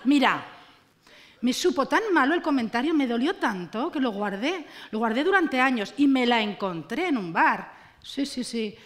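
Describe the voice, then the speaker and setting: A woman, performing a stand-up comedy monologue on a TV stage, animated and ironic. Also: sits high, moderate pace. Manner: animated, ironic, acts out characters. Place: TV studio stage with live audience.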